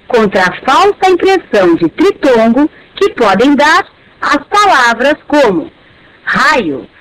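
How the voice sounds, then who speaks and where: Teacher reading a grammar lesson super slow, breaks words into syllables, high voice that moves around a lot. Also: a bit bright, rough recording. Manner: deliberate, spells out syllables one by one.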